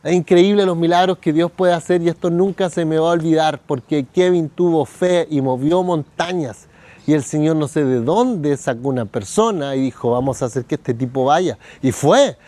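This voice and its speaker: A man's voice: on the high side, normal speed, warm tone. A man, preaching a sermon at a church service and telling a personal story in which he acts out other people's words. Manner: storytelling, acts out quoted voices. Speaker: pastor.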